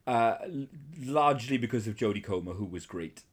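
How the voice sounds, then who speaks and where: A man's voice: on the low side, animated, a little fast. Sweary sardonic man. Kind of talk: casual film chat.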